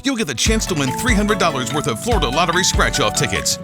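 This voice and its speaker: A man doing a scripted TV promo voice-over as a booming prize announcer. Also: big pitch swings, fast talker. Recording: music behind the voice.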